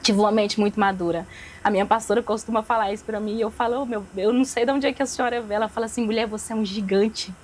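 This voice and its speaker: Young woman, podcast guest, testimony with repeated phrases and acted-out dialogue, fairly high voice, faint ambience. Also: steady tone, very fast, a little mellow, a little hiss or hum, poor audio. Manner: repeats phrases for emphasis, acts out quoted dialogue. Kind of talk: emotional religious testimony.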